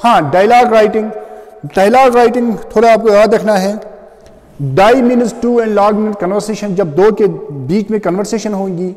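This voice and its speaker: A man's voice: high-pitched, steady tone, measured pace, darkish tone, long reverb tail. A male teacher giving a classroom grammar lecture, explaining step by step and often checking what the students already know.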